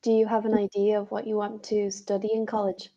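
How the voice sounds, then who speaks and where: A young Irish woman works as an online English tutor in a casual video-call conversation lesson, giving friendly, encouraging replies and quick affirmations. Her medium-pitched voice is mellow, with a completely flat delivery, and the audio is dull.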